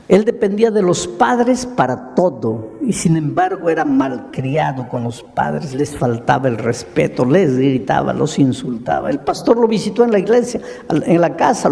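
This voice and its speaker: A male pastor delivers a sermon, building his story slowly with repeated lists and rhetorical questions. His voice sits a little high but has a mellow, dark tone and a gravelly edge. Long reverb hangs on every phrase, as if heard in a large hall.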